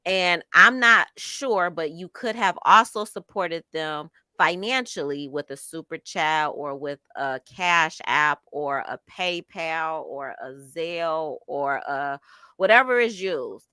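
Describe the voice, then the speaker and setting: A middle-aged woman co-hosting a casual chat show, reading viewer comments aloud and reflecting on them in a measured way. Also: deep voice, expressive, bright, forceful tone, clean tone, dry recording.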